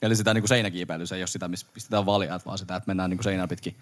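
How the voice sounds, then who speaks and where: A young man in a casual podcast chat, lively and nervous, joking with friends over a handheld mic. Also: low-pitched. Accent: Finnish. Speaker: podcast co-host.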